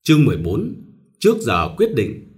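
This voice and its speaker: Male audiobook narrator, very animated intonation, dramatic read. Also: medium pitch, moderate pace. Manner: expressive, dramatic reading. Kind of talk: novel read-aloud narration.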